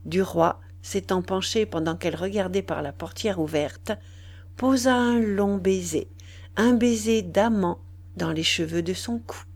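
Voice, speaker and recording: Slow, measured woman reading a novel aloud. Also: medium pitch, darkish tone. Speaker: reader. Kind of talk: scripted narration of a classic novel.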